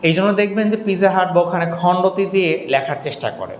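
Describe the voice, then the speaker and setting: A man teaching English pronunciation in a casual, joking way, slowly repeating words to model how they sound. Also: high-pitched, echoey room, long reverb tail, slight background noise. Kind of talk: casual spoken lesson.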